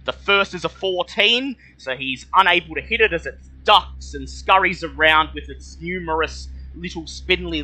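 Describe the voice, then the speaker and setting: A man runs a tabletop game as game master, with a very bright, sharp voice on the high side. He narrates action dramatically and repeats rulings clearly, with music underneath. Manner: dramatic descriptions, echoes players' numbers back.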